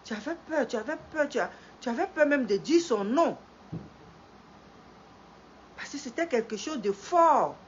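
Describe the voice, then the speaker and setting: A middle-aged woman with a head cold runs a live stream, saying hello to viewers and moralizing slowly with lots of repetition, her tone rising emphatically in the preachy parts. Her high voice is expressive and measured, with frequent pauses. Slight background noise and faint ambience come through dull lo-fi audio.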